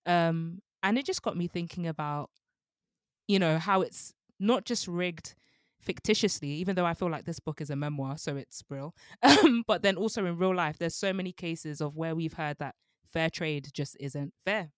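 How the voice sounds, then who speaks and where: Low-voiced chatty young woman. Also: normal speed, no room sound, clean studio sound. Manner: chatty, laughs often, many fillers. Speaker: book club podcast co-host. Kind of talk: casual book discussion.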